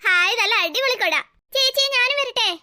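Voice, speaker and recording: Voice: very high voice, animated, moderate pace, bright, forceful tone, full character voice. A performer voicing a timid, eager little girl in a cartoon family. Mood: excited.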